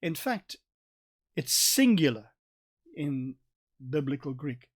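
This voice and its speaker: A man's voice: fairly high pitch, big pitch swings, slow. A man teaching a Bible study, explaining the text and stressing key words emphatically.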